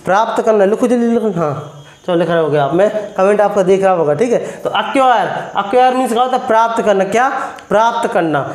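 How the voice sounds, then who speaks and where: A man teaches vocabulary in a live class streamed from his phone. He quizzes his viewers again and again and spells the words out slowly. His voice rings in an echoey room. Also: sits high.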